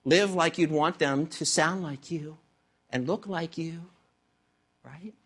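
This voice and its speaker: Animated middle-aged male pastor preaching. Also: a little high, takes it slowly, slightly rough. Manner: animated storytelling with acted-out voices and humor. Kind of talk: sermon.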